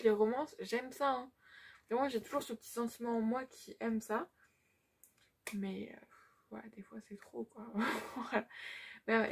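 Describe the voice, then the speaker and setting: A young woman giving a casual, chatty book-vlog update, gushing with lots of fillers. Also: on the high side. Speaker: book vlogger.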